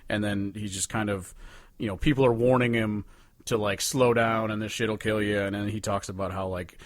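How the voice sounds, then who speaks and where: Reviewing songs with his podcast co-host, a man chats in a rambling, foul-mouthed, casual way. He speaks fairly low with a steady tone and moderate pace, and there's no echo.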